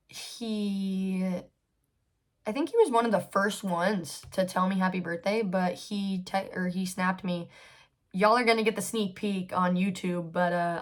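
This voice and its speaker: A woman of twenty hosting a solo podcast, telling a personal story in a chatty, candid way, with lots of fillers and casual swearing. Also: fairly low pitch. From United States. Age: 20s. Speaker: podcast host.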